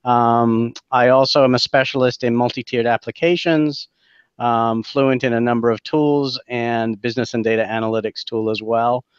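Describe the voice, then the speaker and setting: A man speaking as a guest professor, measured and steady with fillers. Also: medium pitch, clear, resonant tone, no echo, highs cut off. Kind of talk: interview self-introduction.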